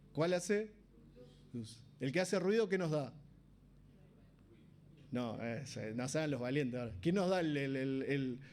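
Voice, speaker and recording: A man's voice: high voice, a little mellow. A man with an Argentine Spanish accent preaching a sermon in a church, talking conversationally and often asking the congregation rhetorical questions.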